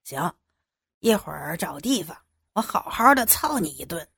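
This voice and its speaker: A woman doing a smug older official with a lowered voice. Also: sing-song, a little slow, gravelly, fairly bright tone, breathy edge, dry recording, studio quality, heavily acted. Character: older male official, leering and boastful.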